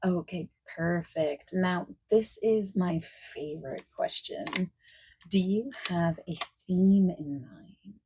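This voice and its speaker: A woman with a fairly low-pitched voice acts as a friendly, accommodating party planner in a softspoken ASMR roleplay, at times almost whispering. She chats in a friendly, casual, reassuring way, pausing for unheard replies, with faint noise and keyboard typing and clicking in the background.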